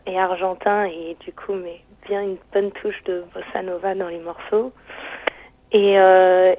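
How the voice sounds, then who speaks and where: A woman's voice: lowish voice, no echo. A woman gives an interview over a dry, narrow telephone line. Her voice is thin, tender and a little old-fashioned, with rolled R's. She answers casually, hesitating and repeating words as she looks for the next one. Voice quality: thin, tender, slightly retro voice. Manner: hesitant, searching, frequent repetitions. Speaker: singer interviewed as phone-in guest. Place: on a phone call to radio.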